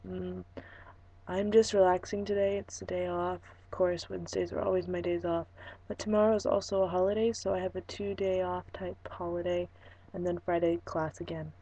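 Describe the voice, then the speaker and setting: A young woman records a casual, unscripted vlog. Her voice is giving out from a sore throat, hoarse and breathy with a creaky rasp. The tone is soft and mellow, and she talks in a relaxed, halting way. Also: lowish voice, rough recording. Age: young adult. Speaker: vlogger. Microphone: webcam microphone.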